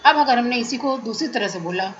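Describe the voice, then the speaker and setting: A woman teaching a music theory class, explaining terms step by step in a measured lecture. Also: a little high, expressive, fairly bright tone, dull audio.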